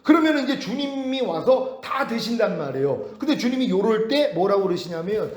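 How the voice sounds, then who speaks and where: A man giving a sermon-style Bible lecture, animated, often chuckling and asking rhetorical questions. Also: sits high, moderate pace. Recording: roomy echo.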